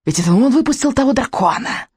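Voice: medium pitch, expressive, normal speed, no room sound, natural voice. A reader voicing a spiteful, lying old witch with a crackling, hissing voice in an audiobook. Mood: gloating. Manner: hissing, theatrical. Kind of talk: audiobook reading.

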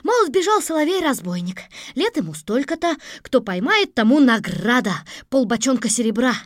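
A woman's voice: sits high, big pitch swings, normal speed, no echo, studio quality. A woman voicing an eager young boy who runs errands for the tsar in an audio fairy tale.

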